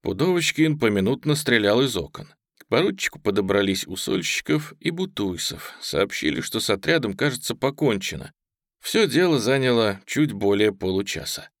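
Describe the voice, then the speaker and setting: A man narrating a story in an even, measured reading voice. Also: lowish voice, dry recording, clean studio sound. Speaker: audiobook narrator. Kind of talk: scripted narration.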